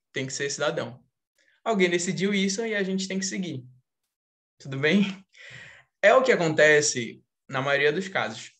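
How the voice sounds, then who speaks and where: A man's voice: a little high, a bit bright. A young Brazilian man with a Brazilian Portuguese accent, teaching a live online writing lesson, explaining step by step and asking the class questions.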